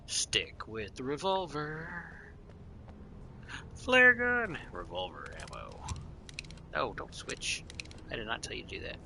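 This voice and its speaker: A man's voice: lowish voice, big pitch swings, a little slow, gravelly. A man streaming a game with casual, folksy commentary, talking to himself and to the game as he plays. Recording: loud game noise behind voice.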